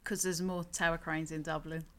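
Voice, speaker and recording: A woman's voice: sits low, level tone, moderate pace, fairly bright tone. A woman hosting a casual interview podcast in a chatty, informal, rambling way. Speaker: podcast host, former crane operator.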